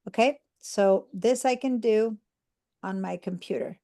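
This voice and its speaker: Teaching a computer class online and live, a woman from Argentina speaks a little slowly in a creaky, mellow, medium-pitched voice. She guides students patiently through each step, checks in with them, and fills pauses with fillers.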